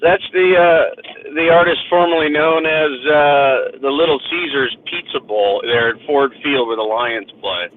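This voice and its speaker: A man's voice: a little high, unhurried. A man on a panel, joking in casual sports chat, his voice sounding like it comes over a CB radio. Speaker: podcast panelist. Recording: tinny radio-like line with hiss.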